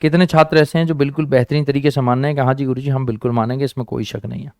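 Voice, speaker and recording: A man's voice: medium pitch, fairly even intonation, rapid-fire, darkish tone, no echo, studio quality. A man teaching an online exam-prep class, coaxing his students, repeating each question and answer and calling them friends and children. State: sore hand, says it hurts.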